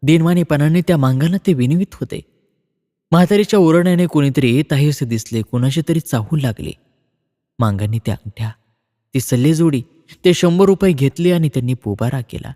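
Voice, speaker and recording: A man narrating a classic story in a measured, expressive reading. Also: a little high. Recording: long reverb.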